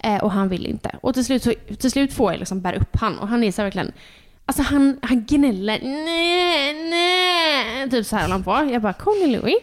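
A young adult woman, co-hosting a casual podcast and telling lively stories about her toddler. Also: mid-range voice, few pauses. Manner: animated storytelling, acts out kids' voices. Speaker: podcast co-host. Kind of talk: casual chat.

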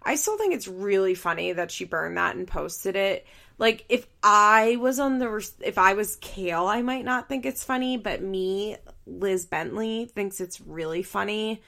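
A woman with a Valley Girl accent and vocal fry, hosting a casual podcast recap, full of "like" fillers and amused swearing. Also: medium pitch, a little slow, a bit bright. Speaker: podcast host. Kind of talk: casual reality-TV recap monologue.

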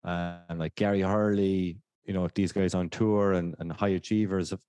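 A man's voice: sits low, fairly even intonation, moderate pace, dark tone. A man from County Clare with a west of Ireland accent, hosting a casual podcast interview in a jokey, self-deprecating way. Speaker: podcast host.

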